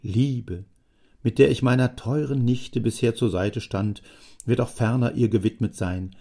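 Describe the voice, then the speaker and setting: A man's voice: medium pitch, a little slow, mellow. A man doing a long-winded, scheming old uncle. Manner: smooth, self-important, long-winded.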